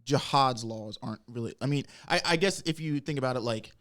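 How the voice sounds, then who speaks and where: A man's voice: medium pitch, brisk, a bit bright. A man co-hosting a casual read-through chat, laid-back and laughing often. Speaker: co-host.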